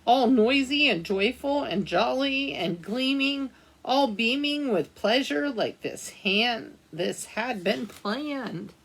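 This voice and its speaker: Reading to children at storytime, a librarian works through a picture book slowly, her voice on the high side and lively in intonation. She keeps turning to the young audience with questions and little asides, and the recording is rough.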